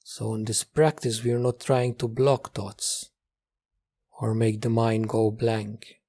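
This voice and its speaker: A man with a lowish voice leads a guided meditation as the teacher. He speaks calmly and steadily, giving gentle directions, repeating phrases, and taking long pauses.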